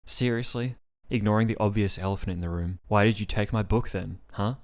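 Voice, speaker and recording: A man's voice: fairly low pitch, fairly quick, darkish tone, close to an everyday voice. A man reading the part of an angry, sarcastic young woman patient in a storybook reading. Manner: sarcastic, swearing tirade.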